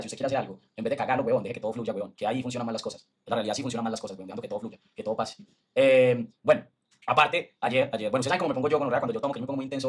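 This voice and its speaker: A young man with a Medellín Colombian accent, ranting to his stream in a heated, slangy, fast-rambling way. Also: medium pitch, slightly rough. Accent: Medellín Colombian Spanish. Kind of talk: casual stream rant.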